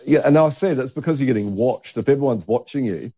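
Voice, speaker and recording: A man co-hosting a podcast, telling a story in relaxed casual chat. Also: mid-range voice, fast, no room sound, lo-fi sound. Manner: chatty anecdote-teller, laughs easily. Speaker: podcast co-host. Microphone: studio mic.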